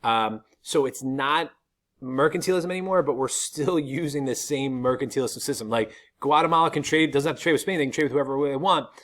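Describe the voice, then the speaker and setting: A man's voice: mid-range voice, fairly quick, fairly bright tone. A middle-aged American man teaching history in an informal video lecture, explaining things in a colloquial way with casual asides.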